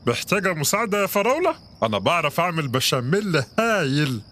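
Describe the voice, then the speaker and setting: A man's voice: fairly high pitch, sing-song, quick pace, sharp tone. A man voicing Doctor Tawfiq, a friendly doctor in a children's audio drama who gives caring advice. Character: kindly helpful doctor Tawfiq.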